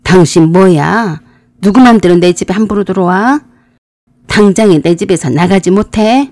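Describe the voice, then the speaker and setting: A woman's voice: mid-range voice, expressive, gravelly, warm tone, no echo, studio quality. Woman doing a sneering middle-aged boss. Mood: contemptuous. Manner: slow, condescending. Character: arrogant middle-aged male company boss.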